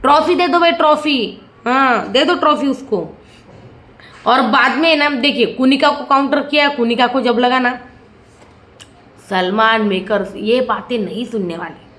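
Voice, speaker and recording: A woman's voice: fairly high pitch, measured pace, a bit bright. A woman reviewing a reality show in opinionated, casual commentary. She sounds indignant and keeps firing rhetorical questions. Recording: echoey room.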